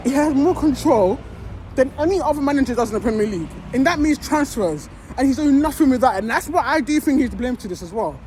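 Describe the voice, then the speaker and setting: A woman delivers an angry fan rant, cursing and repeating herself as she builds her case. Her pitch swings widely from low grumbles to sharp peaks, over a faint hum of background noise. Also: expressive, fast. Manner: heated, swearing, repeats herself. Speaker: football fan.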